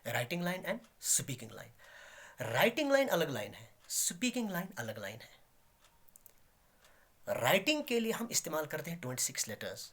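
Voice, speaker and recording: A man's voice: fairly high pitch, huge pitch swings, fairly bright tone. A man with a Kashmiri accent teaching English letters and sounds in a classroom-style lesson, repeating key words and pushing hard on his examples. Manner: explains slowly, repeats key words, rises emphatically on examples.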